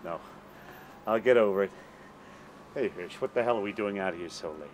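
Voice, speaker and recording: A brooding noir film detective played by a man, middle-aged and low-pitched. He speaks tersely, with sardonic, hardboiled cynicism. Faint noise sits behind the voice. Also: moderate pace, natural voice. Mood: weary.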